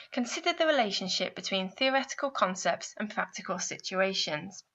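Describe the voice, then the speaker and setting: Her mid-range, bright voice carries scripted guidance narration for a university placement video. She's clear and explanatory, steering the listener with questions, and the audio sounds dull.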